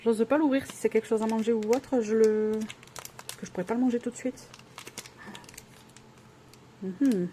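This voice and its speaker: A woman's voice: a little high, normal speed, pauses often, warm tone, a little hiss or hum. A woman vlogger chatting casually while unboxing at home, gushing with exclamations and often hesitating.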